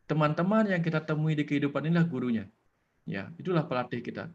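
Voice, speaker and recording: A man giving an earnest spiritual talk, explaining patiently with examples and later leading a calm prayer. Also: a little high, quick pace, lo-fi sound. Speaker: spiritual teacher.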